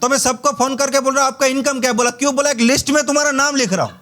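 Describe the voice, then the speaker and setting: High-voiced Hindi sales trainer man. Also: racing, fairly bright tone. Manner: anecdotal, acts out dialogue, jokes and laughs. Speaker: network marketing trainer. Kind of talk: motivational training talk.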